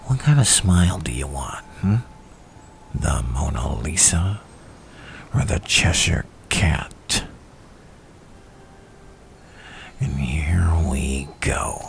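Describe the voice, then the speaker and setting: A menacing clown criminal, rumbles in an extremely low, creaky whisper. He speaks slowly and theatrically, coaxing and taunting with unhinged playfulness, like an ASMR villain roleplay with faint hiss behind him. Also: expressive, exaggerated voice. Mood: mock-sorrowful menace. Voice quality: breathy, gravelly whisper with creaky rasp. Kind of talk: ASMR roleplay, dramatic monologue.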